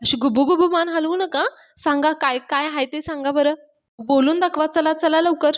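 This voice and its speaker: Eager bossy young guy, read out by a woman, pushes and coaxes, fairly high voice. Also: fairly even intonation, moderate pace, close to an everyday voice. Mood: urging. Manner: pushy, coaxing and reassuring.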